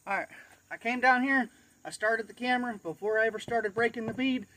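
Talking a little fast as he works, a do-it-yourself demonstrator gives a casual, folksy hands-on tutorial outdoors in a cluttered rural yard. He's an American man in his thirties or forties with a very high, bright, forceful voice and fairly even intonation. The rough recording comes from a camera a few feet off, with faint insect noise.

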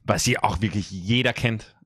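A man's voice: fairly low pitch, normal speed, fairly bright tone, a little hiss or hum. A young man commenting sarcastically on a street fashion video, talking into a headset in a room indoors. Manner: sarcastic, mocks brand flexing. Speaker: reaction streamer. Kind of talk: casual reaction commentary.

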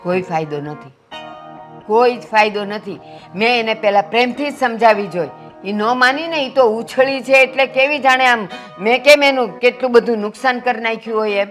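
A woman's voice: a little high, normal speed, soft background music, close to an everyday voice. An actress playing an elderly village mother, who scolds and complains with rising anger in a film drama. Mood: resolute. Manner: scolding, aggrieved, rising to shouts. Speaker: mother-in-law.

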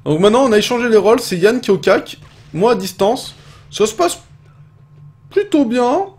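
A young French man giving casual, excitable commentary while playing a game, swearing often and talking to his viewers. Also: sits high, a little fast. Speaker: gaming video host.

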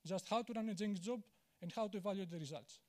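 Man giving a conference talk, high voice. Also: fast talker, darkish tone. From Greece. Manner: candid, self-deprecating, many "uh" fillers and restarts. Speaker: conference speaker. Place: large auditorium on stage. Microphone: handheld mic.

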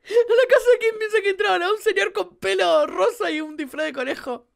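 A woman with an Argentine accent, a gaming YouTuber doing let's play commentary, excitable, often shrieking and laughing, with a sore throat. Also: very high-pitched, brisk, creaky. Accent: Argentine Spanish.

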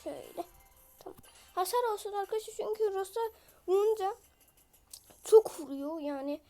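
Very high-voiced excitable woman gamer. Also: normal speed, soft background music. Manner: excitable, yells at opponents, chatty slang. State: voice off from illness. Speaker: gaming video creator. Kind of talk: live gameplay commentary.

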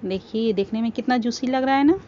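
A woman hosting a cooking channel, calmly explaining each step of a home recipe in a voice-over. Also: a little high, fast. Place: home kitchen. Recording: slightly dull home recording with faint background hiss.

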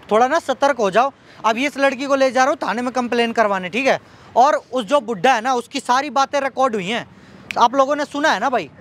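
A vlogger who sounds unwell pleads with viewers for help with a young woman, repeating himself and comforting her when she cries. His voice is very high and fairly bright, with a little hiss or hum in the recording.

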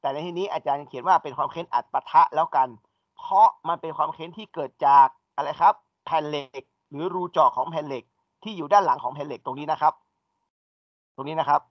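Speaking fast with a fairly high pitch, a man teaches engineering in a classroom lecture, guiding students step by step and asking them questions. It's a dry, dull recording.

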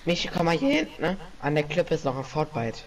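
A man's voice: fairly high pitch, fairly quick. A man talking casually to a friend in a gaming voice chat. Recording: noisy, distant gaming voice chat.

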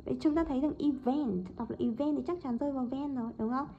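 A woman teacher talks through textbook exercises, saying each word twice and asking her students to confirm. Her voice is fairly high and husky. The recording sounds dull and lo-fi. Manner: repeats words slowly, checks with "đúng không?". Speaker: English teacher.

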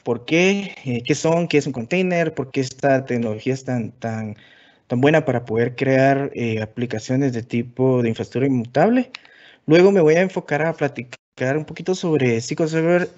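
A man from Guatemala with a Guatemalan Spanish accent, giving a relaxed technical webinar presentation full of fillers and restarts. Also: medium pitch, dull audio. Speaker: conference speaker.

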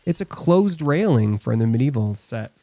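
A young man chatting through a multiplayer building game as host. His voice is mellow and soft-edged, and it swings lively up and down as he thinks aloud. He laughs easily between remarks. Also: mid-range voice, normal speed. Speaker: gaming channel host. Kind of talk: casual multiplayer gameplay chat.

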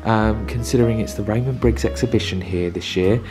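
Fairly low and fairly quick, this young adult male voice belongs to an English travel vlogger chatting eagerly to a handheld camera. He roams castle grounds, parkland and briefly a shop while music runs underneath.

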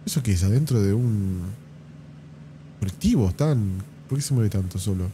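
A man with an Argentine accent giving casual reaction commentary as a streamer, with quick offhand slangy remarks and frequent laughter. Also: lowish voice, expressive, mellow, a little hiss or hum. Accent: Argentine Spanish.

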